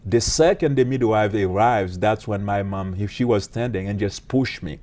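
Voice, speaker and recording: A man speaks in a fairly low voice. He tells his life story as an interview guest, earnest and halting, pausing often on fillers. He is a pastor and a police officer. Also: a little mellow. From Haiti. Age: late 30s.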